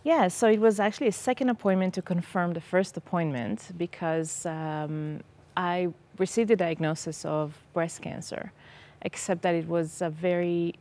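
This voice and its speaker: Speaking into a lapel microphone on a TV studio set, a female guest from Israel, a native Hebrew speaker, shares a personal testimony during an interview. She talks at a moderate pace in a fairly low, darkish voice, sounding sincere but halting and filling gaps with frequent ums.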